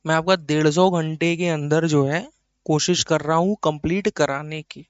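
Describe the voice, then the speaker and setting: A man's voice: fairly high pitch, fairly even intonation, moderate pace, clear, resonant tone, no room sound, highs cut off. Chatty male lecturer, dry close sound. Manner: chatty, addresses students as kids, voices their questions himself. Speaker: chartered accountancy teacher. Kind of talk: online lecture.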